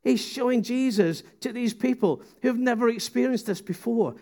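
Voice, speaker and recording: High-voiced male preacher, animated storyteller, sermon in a church, casual and lively. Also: moderate pace. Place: church service.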